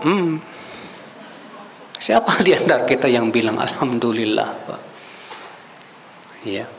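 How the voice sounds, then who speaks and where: A man with a fairly high, fairly bright voice gives a conversational Islamic lecture at a study gathering. The preacher poses rhetorical questions, addresses listeners directly as sir and brother, and recites Arabic phrases before translating them.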